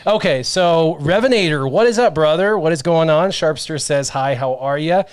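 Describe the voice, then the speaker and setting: A man's voice: a little high, expressive, normal speed, clear, resonant tone, dry recording. A man in his thirties hosting a casual livestream from a small home studio, reading viewer comments aloud and joking about himself. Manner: reads chat comments aloud, jokey and self-deprecating. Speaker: host. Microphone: studio mic with headphones.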